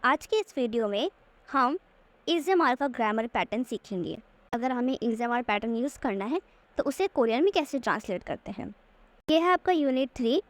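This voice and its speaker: A woman teaching Korean in a slide-based lesson, patiently repeating words slowly to show their pronunciation. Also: sits high, dry recording. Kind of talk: screen-share lesson explaining slides.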